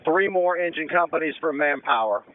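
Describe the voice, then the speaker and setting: A man working as fire incident commander, giving brisk, procedural orders over a two-way radio. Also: a little high, lively intonation, dry recording. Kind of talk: emergency radio dispatch commands. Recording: narrow-band fire radio transmission.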